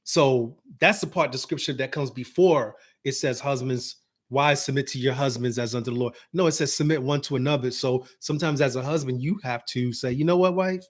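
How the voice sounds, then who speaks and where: A man giving casual, motivational marriage advice, acting out bits of dialogue and dropping to a calm, soft tone for examples. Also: medium pitch, a little fast. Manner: animated, acts out dialogue, drops to calm soft tones for examples.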